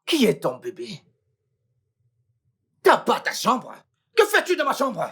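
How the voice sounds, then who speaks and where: A woman's voice: medium pitch, wildly swooping pitch, slow pace, a bit bright, husky, heavily acted. A woman dubbing a panicked young husband in a French film dub, groaning, pleading and exasperated.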